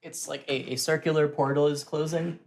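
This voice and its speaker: A young man running a tabletop game as game master, describing scenes in a relaxed way and laughing often. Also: on the high side, brisk, vocal fry, echoey room.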